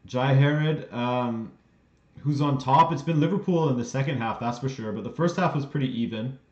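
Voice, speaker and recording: A man's voice: mid-range voice, moderate pace, darkish tone. Casual man in roomy lo-fi audio. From western Canada. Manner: reacts to play and reads out chat questions. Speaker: streamer hosting a live match watchalong. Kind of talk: casual live watchalong commentary. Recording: roomy, dull lo-fi stream audio.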